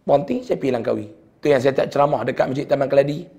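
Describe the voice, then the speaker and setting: A middle-aged man with a Kedah Malay accent, a religious teacher telling a heartfelt personal story in a sermon, often sinking to a hushed voice. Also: mid-range voice, rapid-fire, vocal fry. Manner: heartfelt storytelling, dropping to a hushed voice at sad moments.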